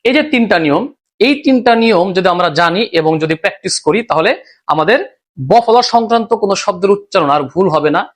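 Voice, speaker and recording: High-voiced Bangladeshi Bengali teacher. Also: male voice, expressive, fast talker. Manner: explains step by step, asks and answers his own questions. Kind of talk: recorded grammar lesson.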